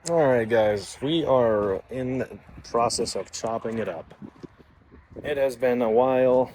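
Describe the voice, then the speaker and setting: A young man with a medium-pitched, darkish voice speaks a little slowly while vlogging his truck project, rambling and self-deprecating as he works and sometimes short of breath. His phone camera is propped up nearby as he moves through the backyard and workshop, indoors and out. There's slight background noise.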